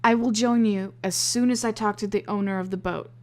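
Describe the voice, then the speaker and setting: A woman reading aloud, voicing a protective young man who gives firm, steady instructions. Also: medium pitch, brisk, natural voice.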